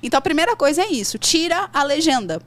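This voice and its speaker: A Brazilian woman teacher talks in a high, bright register, lively and chatty, giving advice in a podcast conversation. She slips into playful imitations of worried learners. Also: fast. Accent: Brazilian Portuguese. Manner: animated, acts out learners' complaints in a high voice. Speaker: English teacher.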